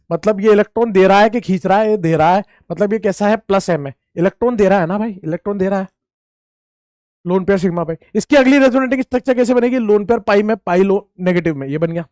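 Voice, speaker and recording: A man's voice: sits high, darkish tone, dry recording, clean studio sound. A man teaching chemistry in a casual, joking lecture, who repeats key points and asks and answers his own questions while addressing students like friends. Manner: chatty and teasing, talks to students as friends. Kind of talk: informal classroom lecture.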